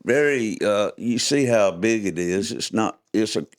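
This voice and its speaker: A man's voice: on the low side, animated, a little slow. Folksy older man telling stories. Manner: folksy, chuckling, playful delivery. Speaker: podcast host reading his own stories. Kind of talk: casual chat and storytelling read-aloud.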